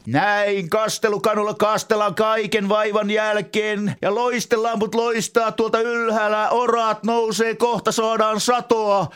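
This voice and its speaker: An actor playing an eccentric, pushy entrepreneur turned gardener, talking in a rambling sales pitch in a comedy sketch. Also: male voice, flat delivery, hardly any pauses, fairly bright tone, clean tone.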